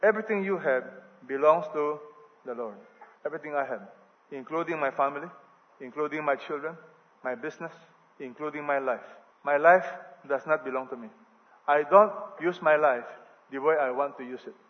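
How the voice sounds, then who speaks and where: A Filipino-accented man delivering a sermon, his voice sitting a little high for a man and swelling loudly on the lines he stresses. The sound carries a long reverb from a big church hall and is slightly dull and muffled. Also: normal speed. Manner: animated, rising loud on key phrases. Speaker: preacher.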